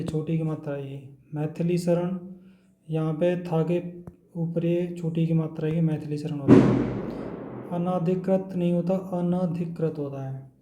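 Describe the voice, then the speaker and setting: A man teaching an exam-prep lesson, going through words one by one in a steady drilling way. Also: fairly high pitch, reverberant.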